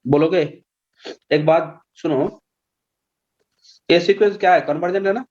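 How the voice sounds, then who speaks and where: Man, maths teacher, high voice, slow and patient, dull lo-fi sound. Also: a little mellow. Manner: slow, patient questioning of students. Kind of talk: online maths class.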